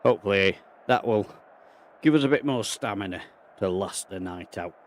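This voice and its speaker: A man's voice: lowish voice, moderate pace. A man, out of breath, casually commentating over a football management game and thinking aloud as the match plays out. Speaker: video game player and channel host.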